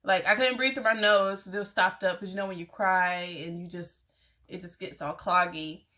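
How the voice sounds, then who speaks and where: A woman's voice: mid-range voice, steady tone, moderate pace, sharp tone. A young adult woman telling a personal story to her viewers, candid and conversational, with lots of "like" and "y'all". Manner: candid, conversational, uses many fillers like "like" and "y'all". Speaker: vlogger.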